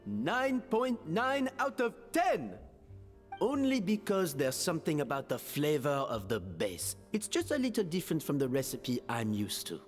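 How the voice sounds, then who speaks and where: A man voicing a grand, fussy cooking contest judge in a video game, announcing in a measured, theatrical way. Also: fairly high pitch, huge pitch swings. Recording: reverberant game audio with music behind.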